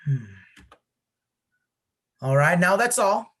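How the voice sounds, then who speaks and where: In an amateur one-act play recorded over video call, the actor gives the male official running the village lottery a folksy, businesslike, hesitant air. His medium-pitched voice is expressive and a bit bright, and he speaks slowly.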